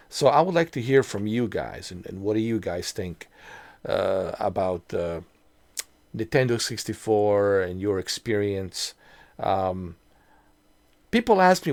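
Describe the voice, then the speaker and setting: A video creator in his mid-forties rambles casually to his viewers in a nostalgic vlog monologue, restarting often and using many fillers. His voice is lowish and darkish, and the recording is dry.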